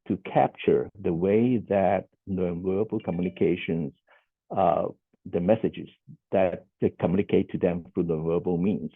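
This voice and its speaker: Speaking over a video call, a Hong Kong social worker who grew up with Cantonese delivers a conference talk in a very deep, husky, gravelly voice. He is deliberate and measured, wrapping up every point with "okay," and the sound is close, dry and tinny like a phone, without room echo.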